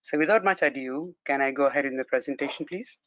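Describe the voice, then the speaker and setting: Heard through a screen recording of a video call, a Brunei man who works as a consultant ophthalmologist delivers a formal, courteous academic talk. His mid-range voice is fast and a bit bright, and the sound is dry, dull lo-fi call audio.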